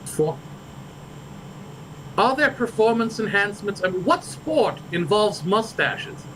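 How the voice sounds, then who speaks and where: A man's voice: high-pitched, sing-song, slow, fairly bright tone, slight background noise, poor audio. A man hosting a livestream, chatting in character in fantasy improv, stammering and rambling with many restarts. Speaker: livestream role-play host.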